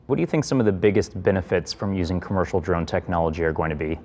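A young man hosting a business interview, calmly asking short prepared questions into a lapel mic on a studio set. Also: deep voice, quick pace. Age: young adult. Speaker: interviewer, company CEO.

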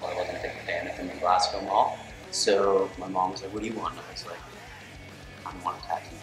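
A man's voice: deep voice, little pitch movement, a little fast. An eighteen-year-old man from Canada talking casually in a seated interview, full of "like" fillers. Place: studio with gray backdrop. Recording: roomy studio with music bed.

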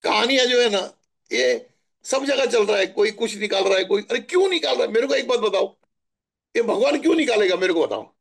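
A middle-aged man from Maharashtra telling stories in a chatty, animated way during a spiritual talk. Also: sits high, a little fast, vocal fry. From Maharashtra, India. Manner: chatty, animated storytelling with asides. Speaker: spiritual guest answering questions.

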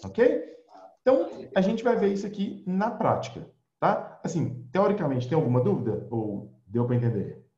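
A man from Brazil teaching English in an online class, switching between Portuguese and English and slowing down for example sentences. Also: on the high side. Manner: lively, drills words for repetition, slows down for examples. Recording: echoey, dull lo-fi audio.

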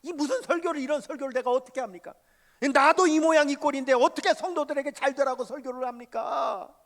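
A man's voice: very high-pitched, fast, fairly bright tone, pitched above the performer's own voice. A man preaching in a sermon, playing a young, poor preacher who pleads and complains in exasperation. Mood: complaining. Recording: long church hall reverb.

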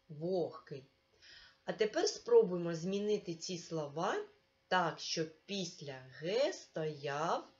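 A woman teacher talks a young pupil through a remote lesson, slow and patient and full of encouragement. Her voice sits a little low for a woman. The recording is dull and lo-fi. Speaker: primary school teacher.

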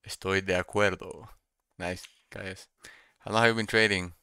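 A young man doing casual live trading commentary, thinking out loud and repeating his phrases as he muses. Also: sits low, steady tone, moderate pace, smooth, dry recording, studio quality. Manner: repeats phrases while musing to himself. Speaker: day trader streaming live. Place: small room indoors at a computer desk.

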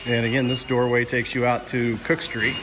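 Amid loud construction noise, a school superintendent walks through an indoor space, giving an unscripted, matter-of-fact explanation as he records on a handheld phone. His mid-range voice moves little in pitch, at a moderate pace.

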